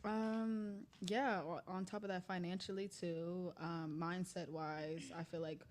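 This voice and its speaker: A woman's voice: lowish voice, fairly even intonation, unhurried, darkish tone. A woman in her twenties, a guest on a podcast, talking casually with frequent hesitations. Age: 20s. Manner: hesitant, many ums and likes.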